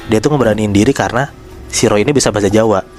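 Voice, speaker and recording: A man with a fairly low voice spins a horror story in a loose, chatty podcast style, slipping in slang and calling his co-hosts by name. Soft music plays behind him. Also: rapid-fire. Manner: relaxed and chatty, addresses listeners by name, slangy. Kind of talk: casual spoken storytelling.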